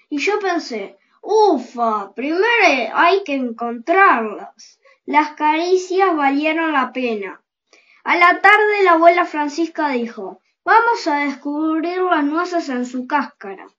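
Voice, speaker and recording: Slow, high storybook reader. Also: a bit bright, dull audio. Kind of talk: slow storybook reading aloud.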